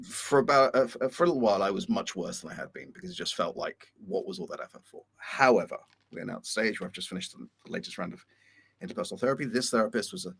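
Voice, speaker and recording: A man's voice: fairly low pitch, fast talker, creaky, fairly bright tone, husky. A man on a video call, talking candidly and a little rambling in a casual chat. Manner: candid, rambling, self-deprecating. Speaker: co-host.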